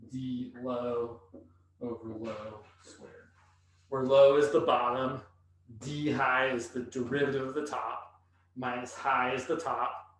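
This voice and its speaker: A man's voice: mid-range voice, a little hiss or hum. A man teaching calculus in a lecture, thinking aloud as he writes on the board. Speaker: math instructor. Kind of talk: recorded classroom lecture. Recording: echoey room, voice from a distance.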